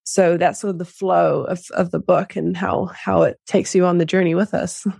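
A woman's voice: lowish voice, level tone, moderate pace, gravelly, a little mellow, breathy edge, no echo, clean studio sound. A young woman, co-author of a book, giving long explanatory interview answers with many restarts. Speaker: co-author guest.

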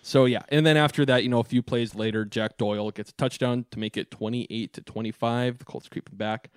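A man's voice: medium pitch, steady tone, brisk, clear, resonant tone, dry recording, studio quality. A man co-hosting a sports podcast, talking in a casual, rambling way with frequent restarts. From Minnesota. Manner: rambling, restarts often, laughs easily. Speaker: podcast co-host.

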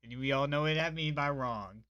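A man's voice: on the high side, moderate pace, pushed and bright, smooth, muffled recording. A man co-hosting a casual podcast, teasing the guests and laughing often. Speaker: co-host. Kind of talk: casual crude banter.

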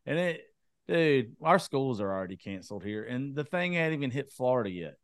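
A man's voice: mid-range voice, sing-song, fairly quick, dry recording, studio quality. A man in his thirties with a Southern American accent, chatting casually in a crude, blunt, profane way. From Eastman, Georgia, USA. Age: 30s. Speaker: podcast co-host, radio personality. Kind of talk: casual chat.

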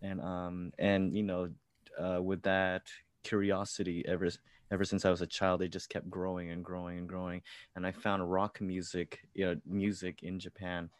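This low-pitched, monotone man talks at a normal speed in a recording without echo. He's a musician and songwriter who was born in the Philippines and grew up in California, answering interview questions casually with lots of fillers and false starts.

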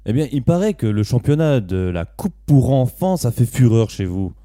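Brief: male co-host, warm dark tone, amused, dry close sound. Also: mid-range voice, very animated, normal speed, dry recording. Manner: amused, laughs between lines. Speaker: comedy show co-host. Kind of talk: improvised comedy sketch.

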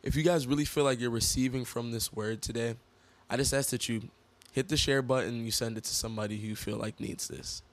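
A man co-hosting a faith podcast, explaining in a relaxed way and often chiming in with agreement. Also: mid-range voice, brisk, hardly any pauses. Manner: affirming, chimes in with agreement. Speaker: podcast co-host.

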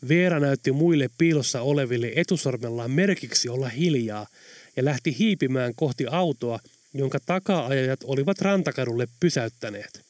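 A man narrating an audiobook in a steady, even storytelling manner. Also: medium pitch, no room sound. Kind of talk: scripted narration.

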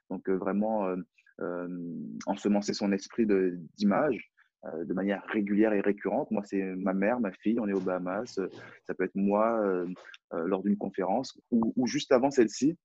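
A man's voice: lowish voice, a little mellow, breathy edge, no echo, lo-fi sound. A man with a French accent, a personal development coach, talking casually and hesitantly with many fillers and restarts. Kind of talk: casual live discussion.

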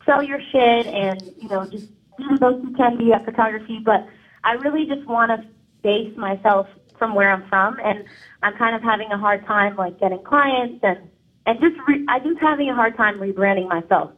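Young woman from Connecticut, excited phone-in caller, rambling with fillers, heard over a tinny phone line. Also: on the high side, normal speed. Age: 20s. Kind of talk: casual call-in question.

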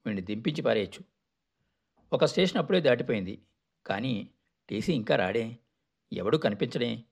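A man voicing an irritable train passenger who mutters scornful complaints, with a gravelly edge. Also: mid-range voice.

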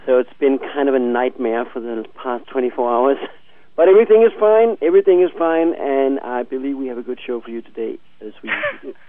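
A man's voice: mid-range voice, animated, brisk, slight background noise. A man of forty co-hosting a casual chat, hesitant, repeating words and laughing often. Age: 40s. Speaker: podcast co-host. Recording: tinny phone-like line.

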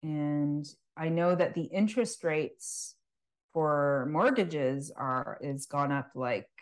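Her voice sits low and she speaks slowly. She's a natural health practitioner chatting as a guest in a casual podcast interview, wry and sarcastic, with laughter between her remarks.

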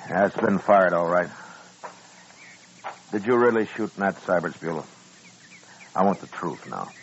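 An actor playing a stern, steady, terse frontier marshal who leads and narrates an old radio western. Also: male voice, low-pitched, unhurried, slight background noise. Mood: probing, firm. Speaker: lead character and narrator. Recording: dull old radio recording with music.

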